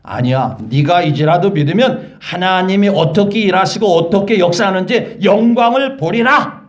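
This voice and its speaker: Preacher doing a steady, commanding Jesus, slow and low. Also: male voice, close to an everyday voice. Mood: calm, commanding. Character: Jesus, calm and assured, speaking with authority.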